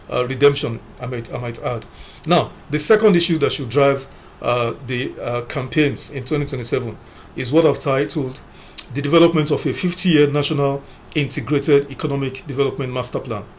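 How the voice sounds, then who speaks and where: Male commentator, mid-pitched, forceful and methodical, faint noise behind. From Nigeria. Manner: emphatic, lists numbered points, frequent "you know". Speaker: political commentator. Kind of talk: opinion commentary.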